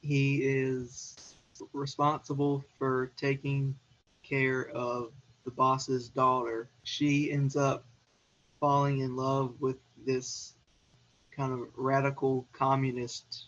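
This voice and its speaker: A man speaking as a podcast guest in a casual film chat, relaxed and measured, pausing between phrases. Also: mid-range voice. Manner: relaxed, measured, with pauses and fillers. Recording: dull lo-fi sound.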